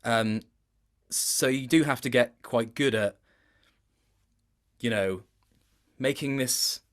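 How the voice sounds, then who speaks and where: In a relaxed interview, a male voice actor reflects on his answers, hesitating and often breaking off mid-thought, in a mid-range voice.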